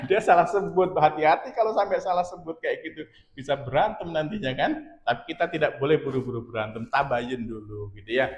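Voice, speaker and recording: Lively high-voiced man giving a marriage talk. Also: roomy sound. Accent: Indonesian. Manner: animated, acts out little dialogues with laughs. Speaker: speaker at a marriage seminar. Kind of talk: humorous religious talk to participants.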